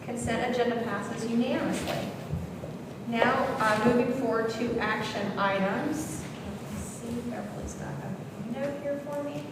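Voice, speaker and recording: A woman's voice: fairly high pitch, fairly even intonation. Woman chairing a board meeting, echoey hall. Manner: brisk procedural, joking asides. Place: large meeting room. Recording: echoey hall from far off, noisy.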